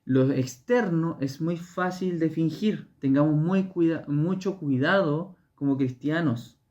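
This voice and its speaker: Chilean man preaching a measured sermon. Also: on the high side, darkish tone, muffled recording. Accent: Chilean Spanish. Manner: measured, repeats words, hesitant fillers. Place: church.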